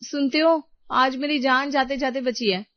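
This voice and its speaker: A woman's voice: high-pitched, fairly even intonation, unhurried, dry recording, pitched above the performer's own voice. A woman voicing a put-upon young daughter-in-law who complains and pleads in a storybook drama. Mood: complaining. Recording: dull lo-fi recording.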